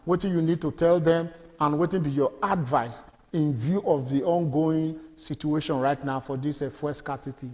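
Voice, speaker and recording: A Nigerian-accented male host puts long, polite, rambling questions to his guest. His fairly high voice comes through with a long reverb tail. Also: normal speed, hardly any pauses, a little mellow. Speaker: interviewer, host. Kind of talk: interview questions.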